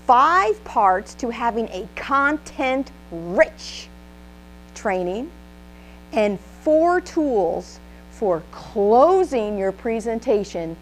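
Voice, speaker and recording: Woman workshop presenter, motivational and upbeat, drives call-and-response with the room, unhurried delivery. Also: fairly high pitch, slight background noise, low-quality recording. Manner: leads the audience in call-and-response; upbeat and emphatic. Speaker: presenter giving a trainer workshop. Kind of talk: motivational training speech. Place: room with a live audience.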